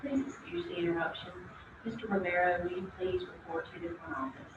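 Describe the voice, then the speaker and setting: Guy on the school intercom, polite formal announcement, sounds far off and boomy. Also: brisk, background noise. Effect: school intercom loudspeaker. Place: classroom, voice from the ceiling speaker. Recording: echoey lo-fi intercom heard from far off.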